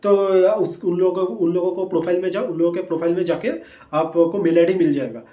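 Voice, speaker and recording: High-voiced young man in an echoey room. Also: a little fast, warm tone. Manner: chatty, repeats points, frequent fillers and "theek hai" check-ins. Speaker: career advice presenter. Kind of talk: casual explanatory lesson.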